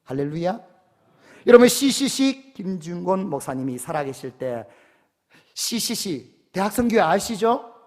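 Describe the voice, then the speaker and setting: A man's voice: sits high, big pitch swings, a little slow, a little mellow. A man pastor preaching a sermon in an emphatic way, often putting questions to his congregation.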